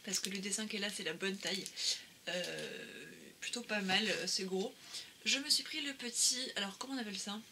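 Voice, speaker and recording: A woman talks casually about her craft purchases, pausing often with fillers and restarting her sentences. Her voice sits at an ordinary pitch, and clear background noise with occasional clicks runs under the recording. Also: sharp tone. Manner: hesitant, many "euh" fillers and restarts. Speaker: craft vlogger. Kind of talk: casual haul video.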